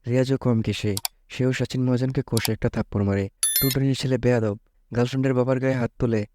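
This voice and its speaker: A man's voice: medium pitch, fairly even intonation, fast, background noise. A man casually retelling a thriller movie's plot as a recap narrator, chatty and dropping joking asides.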